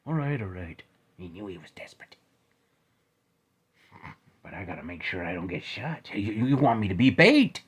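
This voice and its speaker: A man voicing a scared young boy who hides and speaks hesitantly in a hushed voice. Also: on the low side, big pitch swings, moderate pace, long pauses, husky, pitched below the performer's own voice.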